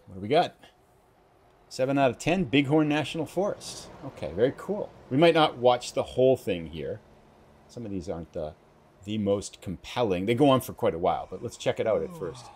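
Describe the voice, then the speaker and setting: A man's voice: medium pitch, moderate pace, husky. A man hosting a let's play, talking casually and thinking aloud as he drives through the game. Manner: relaxed, chatty, thinking aloud while driving. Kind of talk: casual gameplay commentary.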